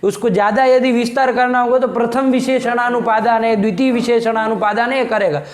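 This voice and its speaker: A man teaching a classroom lesson, quizzing his students, making them repeat, and scolding the slow ones. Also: very high-pitched, fairly even intonation, echoey room. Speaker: Sanskrit logic teacher.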